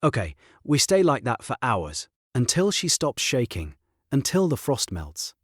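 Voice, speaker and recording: A man narrating a story in short, clipped, terse sentences with a husky voice. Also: medium pitch, wildly swooping pitch, measured pace, a bit bright, no room sound, studio quality.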